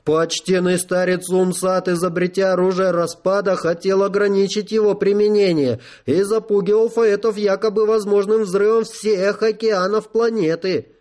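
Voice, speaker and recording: A man doing a shrill cowardly general. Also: steady tone, moderate pace, hardly any pauses, a little mellow, close to an everyday voice. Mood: insistent. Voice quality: shrill falsetto. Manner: frantic, insistent.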